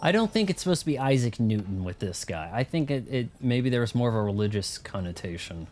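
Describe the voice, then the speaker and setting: A man giving casual, slangy commentary as he plays a game, rambling and thinking out loud. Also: medium pitch, sing-song, fairly quick, faint music behind. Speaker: video game streamer. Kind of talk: casual first-playthrough commentary.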